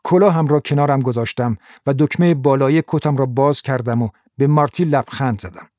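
A man's voice: mid-range voice, no echo, clean studio sound. Man narrating a noir audiobook. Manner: steady, measured first-person reading.

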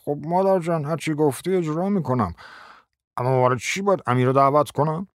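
A man's voice: fairly high pitch, no room sound, clean studio sound, voice pushed up, close to an everyday voice. A man doing a meek, dim husband. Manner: timid, hesitant questioning. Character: meek dim-witted middle-aged husband. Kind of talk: audiobook dramatic reading.

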